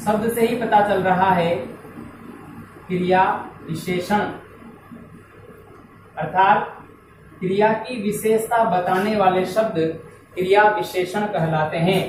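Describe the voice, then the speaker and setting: A man teaching a classroom lesson, speaking slowly and repeating words and phrases so students can write them down. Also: high voice, fairly even intonation, reverberant, distant mic, noisy background. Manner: keeps saying "ab dhyan dena" to draw attention. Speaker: Hindi grammar teacher.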